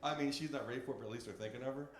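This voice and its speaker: A middle-aged man doing a stand-up comedy set, brash and profane with deadpan punchlines, on a club stage. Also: medium pitch, very fast. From United States. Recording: roomy club with crowd laughter. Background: audience laughing.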